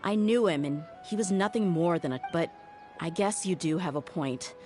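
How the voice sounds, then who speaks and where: Woman playing a low-voiced, stern young woman. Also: normal speed, darkish tone, lightly acted. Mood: frustrated, hurt. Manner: blunt, firm, commanding. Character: stern, determined young woman investigator with a short temper. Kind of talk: video game voice acting. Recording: music under the voice.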